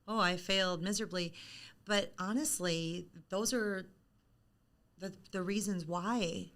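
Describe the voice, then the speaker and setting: Bright-voiced middle-aged woman, frank and chatty. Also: medium pitch, fairly even intonation, measured pace. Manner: frank and chatty, with self-deprecating humor. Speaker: author being interviewed. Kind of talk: casual live-stream interview.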